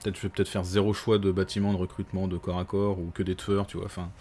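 A man's voice: deep voice, little pitch movement, fast talker, darkish tone, a little hiss or hum. A man giving casual co-op strategy game commentary, muttering through menus as he thinks aloud. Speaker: gaming streamer.

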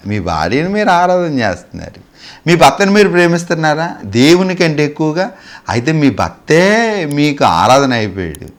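A male preacher, preaching a sermon as animated storytelling, asking the congregation rhetorical questions and acting out the characters' dialogue. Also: a little high, normal speed. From Andhra Pradesh, India.

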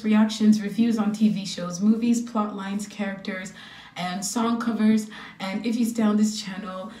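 A woman's voice: mid-range voice, a little mellow, reverberant, distant mic. A young woman YouTuber ranting bluntly and laughing as she gives her honest opinion in a casual vlog. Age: young adult. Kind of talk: casual rant video.

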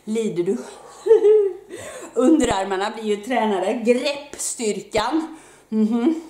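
A woman fitness coach who is out of breath, leading a workout with energetic, loud exclamations while she exercises. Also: fairly high pitch. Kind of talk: live workout instruction. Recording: very echoey room, mic far off, faint noise.

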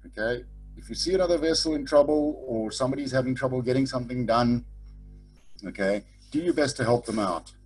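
Soft background music and poor audio accompany a middle-aged sailing instructor's webcam lecture on a video call. He's blunt and informal, with frequent "okay?" tags, speaking fairly quickly in a medium-pitched, slightly mellow voice with a breathy edge.

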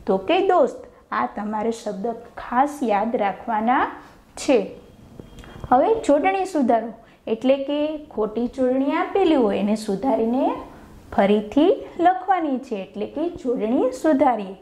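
A woman's voice: a little high, expressive, unhurried, mellow, roomy sound, poor audio. A woman teacher with a Gujarati accent giving a lesson to young children, asking questions and answering them herself, drawing out the answer words in dictation. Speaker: primary school teacher.

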